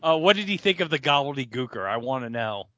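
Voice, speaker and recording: A man's voice: medium pitch, expressive, fast talker, a bit bright, lo-fi sound. A man chatting casually as a podcast co-host, chiming in playfully and eagerly. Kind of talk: casual chat.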